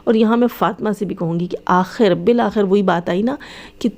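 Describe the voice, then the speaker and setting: A woman's voice: mid-range voice, gravelly, darkish tone. A woman giving a heated commentary rant, scolding and taunting the people she is talking about and addressing them directly. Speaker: vlogger commenting on other vloggers.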